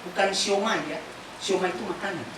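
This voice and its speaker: A woman pastor preaching a sermon, lively and chatty, asking the congregation questions as she teaches. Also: mid-range voice, fairly quick, crowd noise. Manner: casual spoken Indonesian mixed with scripture teaching. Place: large church hall. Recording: very echoey church hall from far off.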